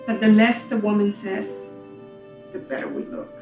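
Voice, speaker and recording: A woman, giving measured, sober testimony as an interviewee. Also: mid-range voice, huge pitch swings, a little mellow, distant mic, soft background music. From Honduras. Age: 40s. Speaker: abuse survivor interviewee. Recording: roomy, from off-mic.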